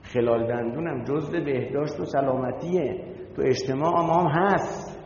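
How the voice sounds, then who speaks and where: Man preaching in an echoey hall. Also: darkish tone. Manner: emphatic, argumentative, rhetorical questions. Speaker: religious lecturer. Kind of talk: sermon. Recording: echoey hall, dull lo-fi sound, faint rumble.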